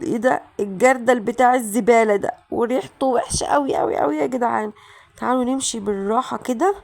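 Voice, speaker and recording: A woman with an Egyptian Arabic accent narrating a mobile game playthrough, chatting straight to viewers and breaking into shouted reactions. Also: a little high. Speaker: gaming channel host.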